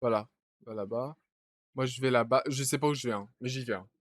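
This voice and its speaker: A man's voice: medium pitch, brisk, no echo. A young man streaming a game, talking to himself as he plays, breaking into panicky yelps and curses. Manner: panicky yelps and shouts, swearing, talks to himself. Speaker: gaming streamer. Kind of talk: casual let's-play commentary.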